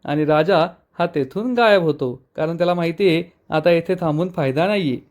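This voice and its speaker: A man recaps a TV serial episode, telling the story in a steady, even manner. His voice sits noticeably high for a man. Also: moderate pace.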